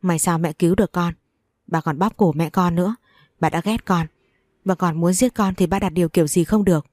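A woman's voice: lowish voice, fairly quick, a little mellow, dry recording, clean studio sound, lightly acted. A woman voicing a tearful young woman pleading with her abusive father in a storybook reading.

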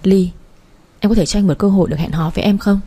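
A woman's voice: mid-range voice, quick pace, warm tone, husky. A woman voicing an anxious, earnest young man in a storybook reading. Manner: fretful, pleading.

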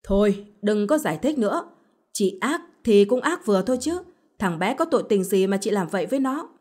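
A woman's voice: lively intonation, fairly quick, mellow, close to an everyday voice. Woman doing a scolding old mother-in-law. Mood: furious. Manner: shrill, accusing scolding.

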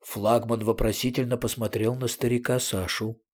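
Male narrator, husky voice, dramatic storybook reading. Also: mid-range voice, level tone, moderate pace.

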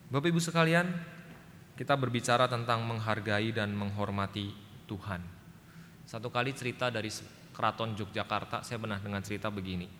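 A man's voice: on the low side, a little fast, fairly bright tone, slight background noise. A male pastor preaching a sermon in a church, emphatic, often turning directly to the congregation. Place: church sanctuary. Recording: church recording with long reverb.

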